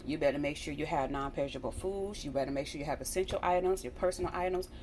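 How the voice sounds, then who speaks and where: American lady vlogger, pretty low voice, earnest casual chat, repeats herself, bit of background noise. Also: quick pace, a little mellow. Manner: earnest, repeats phrases for emphasis. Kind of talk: casual direct-to-viewer chat.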